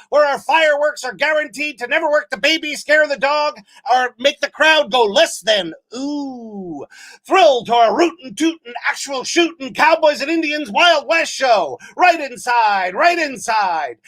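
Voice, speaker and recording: A man, an actor and playwright, performing a satirical poem as loud, rhyming carnival-barker patter that sometimes rises to shouts. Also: very high-pitched.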